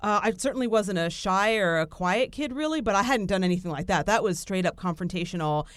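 Chatty woman with a smooth voice. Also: medium pitch, fairly quick, dry recording, studio quality. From Italian heritage. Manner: animated, storytelling with frequent fillers. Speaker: podcast host. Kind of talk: casual conversation.

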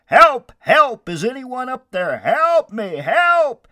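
Frantic man dangling off a cliff, done by a preacher, loud high pleading, slow. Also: wildly swooping pitch, husky, dry recording, clean studio sound, exaggerated voice. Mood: panicked yelling. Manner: yelling, panicked pleading.

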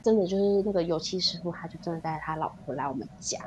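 A woman with a Taiwanese Mandarin accent and a fairly low voice shares a painful personal story as a podcast guest. She tells it vividly, voicing the people in it. A faint hiss sits under the recording. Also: fast, muffled recording. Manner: animated storytelling, acts out quoted dialogue. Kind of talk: emotional personal story in casual chat. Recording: faint background noise.

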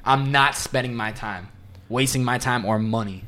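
A man chatting on a podcast, telling a story about his driving work. He talks loosely and playfully, slipping into the voices of the people in his story. His pitch sits in an ordinary middle range for a man. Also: moderate pace, a crowd in the background. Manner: animated storyteller who acts out quotes. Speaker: podcast co-host, rideshare driver. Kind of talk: casual storytelling chat.

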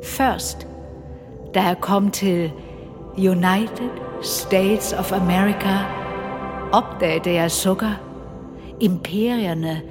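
A woman voicing a wistful mother speaking from the sky in slow, rambling reminiscence. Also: on the low side, close to an everyday voice. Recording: long reverb with music.

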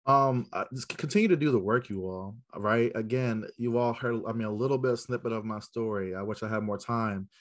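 A man's voice: fairly low pitch, a little fast, hardly any pauses. An American man, an educator speaking as a podcast guest, tells stories emphatically and puts rhetorical questions straight to his listeners. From South Central Los Angeles, United States. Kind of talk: storytelling interview answer to a live audience.

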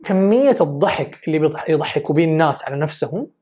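A woman's voice: deep voice, expressive, rapid-fire, mellow. A woman giving an earnest, emphatic self-development talk. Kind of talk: motivational talk.

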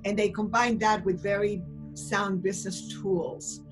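Enthusiastic older woman with a Chilean accent, interview guest, music bed clearly under her. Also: mid-range voice, level tone, measured pace, low-quality recording. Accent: Chilean Spanish. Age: 60s. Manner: enthusiastic, storytelling, many fillers. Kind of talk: interview answers.

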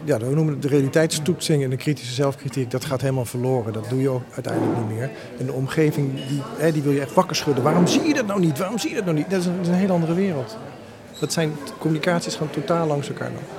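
A man's voice: medium pitch, crowd noise. A man explaining psychiatric ideas as an expert guest. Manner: explaining, rapid. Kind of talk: explanatory interview talk.

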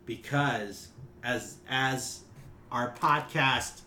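A man's voice: mid-range voice, drawn-out words, bright, forceful tone, reverberant, a little hiss or hum. A man co-hosting a podcast in casual chat, laughing often and hesitating with fillers. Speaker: podcast co-host.

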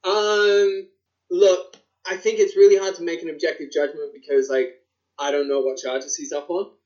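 A man's voice: on the high side, level tone, moderate pace, darkish tone. A man with an Australian accent chatting casually as a podcast co-host, swearing and using plenty of slang. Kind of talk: casual chat. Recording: dull, lo-fi sound.

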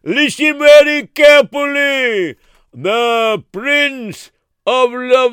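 A man voicing a loud male town crier who shouts out a royal decree. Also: very high voice, clear, resonant tone, no echo, voice pushed up, heavily acted. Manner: shouting proclamations.

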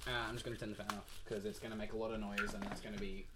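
A man's voice: lowish voice, little pitch movement, racing, very noisy. A young man hosting a casual podcast chat, teasing his friends, swearing a lot and laughing easily. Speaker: podcast host. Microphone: shared studio mic.

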